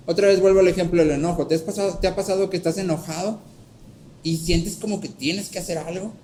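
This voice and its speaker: A man preaching a sermon, teaching step by step and often checking in with a quick "¿sí?", and acting out a story with lively voices. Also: sits high, slight background noise, low-quality recording. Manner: checks in with frequent "¿sí?". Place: church hall.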